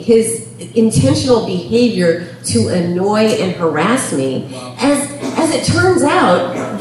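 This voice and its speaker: A middle-aged woman giving a chatty talk to an audience, laughing often and filling pauses with ums. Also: a little high. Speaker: speaker on temperament. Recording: echoey room from far off.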